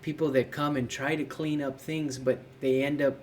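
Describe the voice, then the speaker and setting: A laid-back male podcast co-host from California talks at a mid pitch, easygoing and halting, often searching for words and dropping in plenty of fillers. Faint hiss runs behind him.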